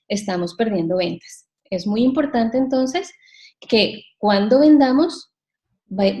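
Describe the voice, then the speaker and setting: A woman leading a live sales workshop, talking straight to her audience with frequent questions and shifting her pace and loudness to stress points. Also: mid-range voice. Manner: addresses the audience directly with frequent rhetorical questions. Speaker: sales trainer.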